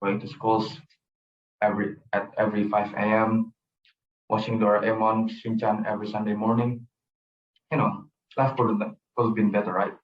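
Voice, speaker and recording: A man's voice: lowish voice, level tone, moderate pace. A young man from Indonesia gives an earnest personal presentation, telling his story and often repeating phrases. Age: young adult. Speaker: student presenter. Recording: roomy, distant, dull sound.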